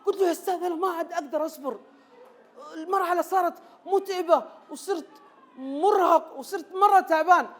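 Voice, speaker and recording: A jittery, people-pleasing man, played by an actor on stage. He pleads and repeats himself in a notably high voice, with nervous laughter running through the theater monologue. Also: fast. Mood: exasperated storytelling. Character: anxious people-pleasing male ex-teacher.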